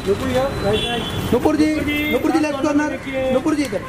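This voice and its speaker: A man working as a street photographer, loudly and insistently calling to a celebrity for a photo. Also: very high-pitched, moderate pace, very noisy. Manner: loud, insistent, repetitive calling. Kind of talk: shouting for a celebrity's attention.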